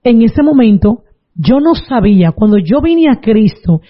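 A woman's voice: a little high, sing-song, a little slow. A woman telling her religious testimony in an earnest storytelling manner, with preaching asides. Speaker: testimony giver. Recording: dull lo-fi recording.

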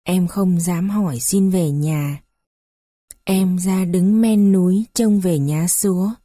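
Woman narrator, storybook reading, very slow, dark mellow voice, dry close sound. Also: lowish voice, no room sound.

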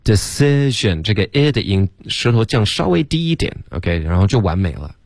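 A deep-voiced man coaching English pronunciation. He corrects students one by one and models each sound slowly. The sound is dry and close. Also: sing-song, darkish tone, no echo. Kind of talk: pronunciation coaching in a broadcast class.

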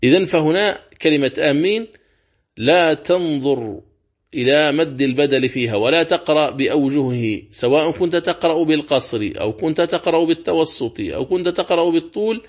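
A man teaching the rules of Quran recitation in a religious lesson, speaking slowly and deliberately and repeating key words. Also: on the high side, expressive.

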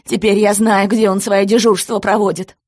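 A woman's voice: medium pitch, level tone, moderate pace, darkish tone, dry recording, studio quality, pitched above the performer's own voice, lightly acted. A woman voicing a furious young betrayed wife who screams insults at her husband and his lover. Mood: furious shouting.

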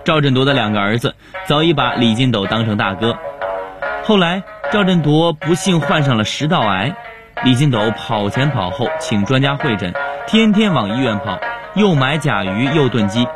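A man's voice: medium pitch, sing-song, normal speed. A man hosting a radio programme with scripted biographical narration. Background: music.

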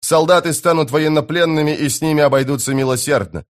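A man's voice: on the high side, voice pushed up, close to an everyday voice. A man doing a scheming, hissing priest. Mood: persuasive. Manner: hissing, drawn-out accusations. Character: scheming sly male priest.

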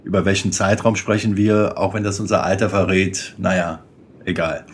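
A man's voice: deep voice, flat delivery, moderate pace, slight background noise. A man in his forties hosting a podcast, reading a formal introduction with a wry touch, then interviewing a guest. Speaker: podcast host.

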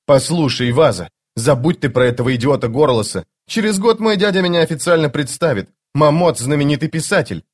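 A man's voice: a little high, expressive, a little fast, few pauses, pitched above the performer's own voice. A man voicing a proud, touchy young male street thief in an audiobook, talking defiantly. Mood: agitated. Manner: agitated, defiant.

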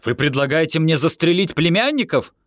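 A man's voice: medium pitch, very animated, moderate pace, a bit bright, no echo, clean studio sound, voice pushed up. A man as a flustered, protesting young man. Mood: exasperated. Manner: protesting, exasperated. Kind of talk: audiobook character voice.

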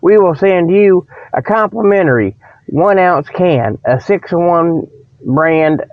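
Taking it slowly, a man with a high, expressive voice hosts a humorous report show, spinning a rambling comic radio monologue punctuated by mock sponsor pitches. He's folksy and colloquial, drifting off and frequently losing the thread, his throat a bit froggy from a lingering cold. The recording is dry with phone-quality sound.

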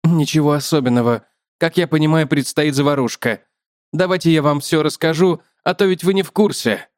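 A courteous little spider, as a male reader puts him on, talking in a lifted, higher voice with a matter-of-fact, lecturing manner. The storybook creature sounds close and dry, with no room around him. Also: a little fast, no echo, natural voice. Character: polite chatty male spider, a small biter.

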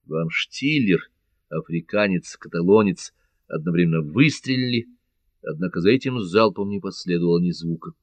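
A man narrating an adventure audiobook in a measured, dramatic reading. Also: sits low, animated, no echo.

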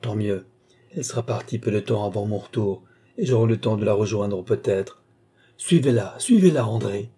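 A man's voice: moderate pace, mellow, slightly rough. A man voicing a commanding mesmerist who urgently orders an entranced woman to follow someone, in an audiobook reading. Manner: urgent commands, lower and intense.

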